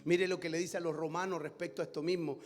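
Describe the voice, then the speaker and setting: A man, a pastor, preaching a sermon in a church hall, swinging from loud declarations to hushed low asides. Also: little pitch movement, quick pace. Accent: Latin American Spanish. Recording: church hall with long reverb, faint music.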